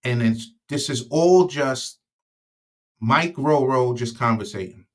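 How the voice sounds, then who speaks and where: Earnest man, halting recovery talk. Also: mid-range voice. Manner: earnest, halting, with many fillers and restarts. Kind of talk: casual monologue.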